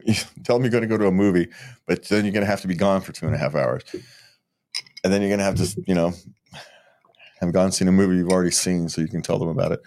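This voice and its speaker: Low-voiced older man, laid-back and joking. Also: quick pace, long pauses. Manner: relaxed, joking, laughs often. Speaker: podcast co-host. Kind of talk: casual chat.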